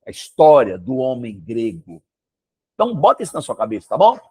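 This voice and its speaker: Fairly quick and slightly rough, this mid-range voice belongs to a Brazilian Portuguese-accented man teaching a single student by video call. The lesson is casual, and he's emphatic and animated, full of exclamations and rhetorical questions.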